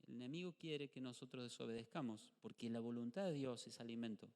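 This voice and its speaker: Speaking fairly quickly in a clear, resonant, mid-range voice, a middle-aged Argentine-accented pastor delivers an animated sermon in a church hall. He throws rhetorical questions at the congregation and acts out brief dialogues, and the live stream carries a long hall reverb.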